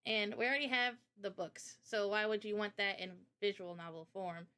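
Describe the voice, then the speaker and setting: During a livestream Q&A, a game developer casually walks through her visual novel project in slangy, everyday talk. She speaks at normal speed and medium pitch, with a bright, forceful, smooth tone.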